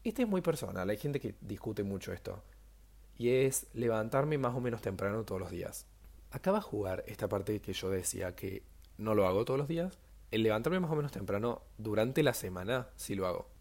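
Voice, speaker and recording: Young Argentine man, solo podcast host; fairly low voice, chatty, self-deprecating, pitch leaps when excited. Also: brisk. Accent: Rioplatense Spanish. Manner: chatty, self-mocking, animated jumps in pitch. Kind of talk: casual solo podcast monologue.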